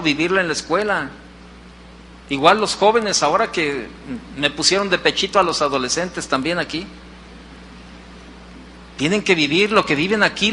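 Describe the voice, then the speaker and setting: A man's voice: high-pitched, bright, forceful tone, a little hiss or hum. A man preaching a sermon in church, who repeats key phrases and acts out the people in his stories. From Mexico. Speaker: pastor. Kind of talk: sermon with storytelling.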